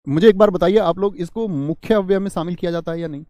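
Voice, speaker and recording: Running a live online Hindi grammar lesson, a man from India answers chat messages, quizzes his viewers and repeats important phrases slowly. His voice sits high and a little mellow, and the studio sound is clean with no echo.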